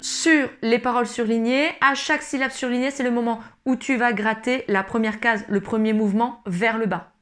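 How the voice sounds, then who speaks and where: A woman's voice: on the high side, fairly even intonation, moderate pace, hardly any pauses, fairly bright tone, faint music behind. A woman teaching ukulele, explaining each step patiently and talking to the learner informally. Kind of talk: tutorial explanation. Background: ukulele strumming.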